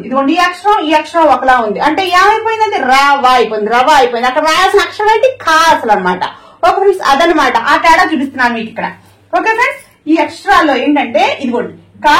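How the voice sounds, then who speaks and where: High lively woman teaching with echo. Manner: keeps addressing viewers as friends, repetitive pointing cues. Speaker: Hindi teacher. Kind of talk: lesson in Telugu.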